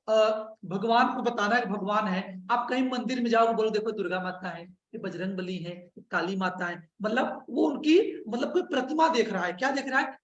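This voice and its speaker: A man's voice: extremely high pitch, a bit bright, dull audio. A male teacher giving an informal classroom lecture, asking his listeners rhetorical questions and then answering them himself. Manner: informal, addresses listeners as brother. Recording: echoey room.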